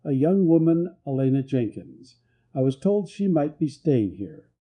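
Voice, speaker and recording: A man's voice: a little high, very animated, measured pace, mellow. A man reading a polished, remorseful ex-fiancé. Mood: apologetic. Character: polished, educated Southern gentleman, remorseful ex-fiancé.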